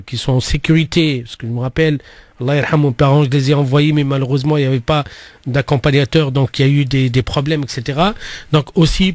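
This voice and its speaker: A man with a fairly high voice hosts a religious radio show. He explains things conversationally, often repeating himself and dropping in Arabic phrases. The sound is close and dry. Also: darkish tone, dry recording. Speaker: radio host and Islamic teacher.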